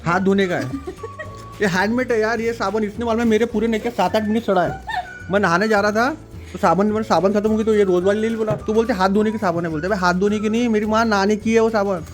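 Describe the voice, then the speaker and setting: A man in his thirties talks casually into a phone camera at home, teasing and chatty, with a fairly high voice. Faint music sits under his talk. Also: fairly even intonation, fast. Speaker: vlogger. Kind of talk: casual family vlog chat. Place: apartment home.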